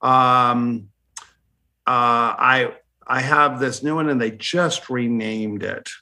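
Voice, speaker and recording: A man's voice: mid-range voice, steady tone, slow pace, pushed and bright. A man talking as a skincare specialist guest in a casual panel chat, rambling and restarting his sentences. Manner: rambling, self-correcting, chatty.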